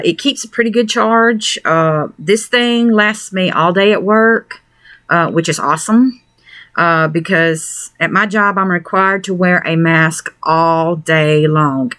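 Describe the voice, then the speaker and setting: A woman's voice: fairly low pitch, a bit bright, no echo. A woman chatting casually to camera in a product review vlog, rambling with lots of fillers while wearing a face mask. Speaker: vlogger. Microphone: camera mic, wearing a fan respirator mask.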